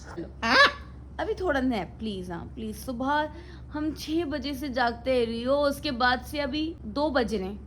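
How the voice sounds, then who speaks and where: A woman vlogger talks slowly and wearily at home, sounding unwell and pleading for rest. Her voice sits a little high. Background noise is clearly audible throughout. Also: expressive. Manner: pleading and weary. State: unwell and tired. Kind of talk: casual chat to camera and pet. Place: home, indoors.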